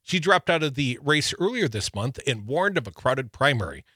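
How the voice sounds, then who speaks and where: A man's voice: mid-range voice, sing-song, moderate pace, pushed and bright, no room sound, clean studio sound. A man from Wisconsin co-hosting a political talk show, reading news items aloud with wry, joking asides. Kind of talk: casual political banter.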